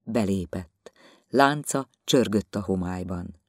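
A man reading a literary novel aloud as an audiobook narrator, in measured, expressive storytelling. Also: sits low, dry recording, clean studio sound.

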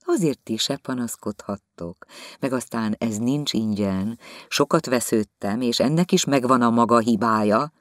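A man voicing a proud, bossy middle-aged lady in an audiobook, speaking high and emphatically. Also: no room sound, clean studio sound, natural voice. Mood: smug.

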